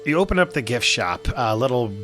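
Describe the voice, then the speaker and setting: A man acts as game master for a tabletop game. His voice sits at an average pitch, and he narrates in a loose, joking, rambling way. Faint music plays behind him. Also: very animated, brisk, a bit bright. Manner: joking, rambling with many hedges.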